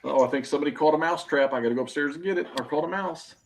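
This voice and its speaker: In casual talk with his gaming group, this man in his fifties races along in a fairly high-pitched voice. He tells long stories and laughs at his own jokes.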